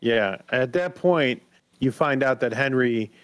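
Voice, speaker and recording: A man's voice: medium pitch, expressive, a little slow, clean tone, dry recording. A man co-hosting a casual review podcast, talking bluntly and swearing casually. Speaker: podcast co-host.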